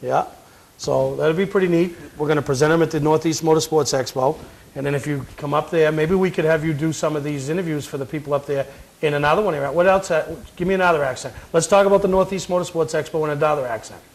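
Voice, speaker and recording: A man's voice: a little high, fast, vocal fry, low-quality recording. A man hosting a talk show, chatting casually and prodding his guest along. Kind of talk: casual interview.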